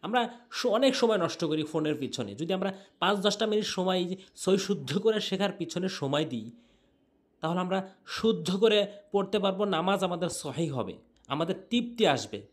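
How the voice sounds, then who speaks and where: This is a man teaching recitation, his voice sitting a little high for a man. He drills each syllable slowly and over again in an earnest, coaching way. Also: animated. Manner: drills sounds slowly and repeats them. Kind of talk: tutorial lesson.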